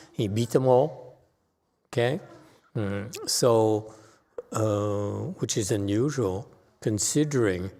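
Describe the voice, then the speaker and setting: A man giving an informal explanatory lecture as a Buddhist teacher, halting often as he searches for words. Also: mid-range voice, darkish tone. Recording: long reverberant hall sound.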